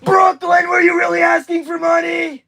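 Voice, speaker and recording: 20 yr old guy streaming, reads chat names out, high voice, super dry close sound. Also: completely flat delivery, moderate pace, vocal fry, sharp tone, no room sound, raised voice. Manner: reads chat names and answers each, upbeat and friendly. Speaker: livestreamer. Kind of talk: live stream chat reading.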